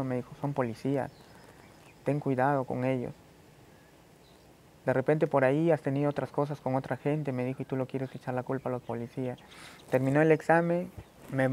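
A man from Peru gives halting spoken testimony at a formal hearing, repeating phrases and recounting what others said to him. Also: mid-range voice, a little mellow. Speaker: petitioner giving testimony.

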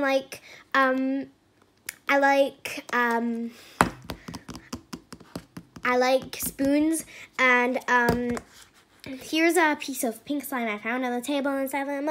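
A woman's voice: sits high, slight background noise. A woman voicing a chatty female slime-video host who rambles off topic, full of fillers, in a put-on odd accent.

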